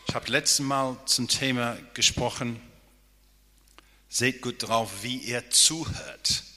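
A male pastor delivers a sermon in a slow, unhurried cadence, his voice very bright and edged with a husky grain. He speaks earnestly and keeps turning to the congregation with a questioning "ja?". The sound carries a long reverb from a church hall. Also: medium pitch. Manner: earnest, often checks in with listeners with a questioning "ja?".

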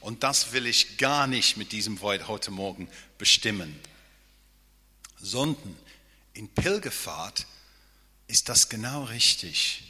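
A male pastor delivers a sermon in a slow, unhurried cadence, his voice very bright and edged with a husky grain. He speaks earnestly and keeps turning to the congregation with a questioning "ja?". The sound carries a long reverb from a church hall. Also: on the low side, lively intonation. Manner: earnest, often checks in with listeners with a questioning "ja?".

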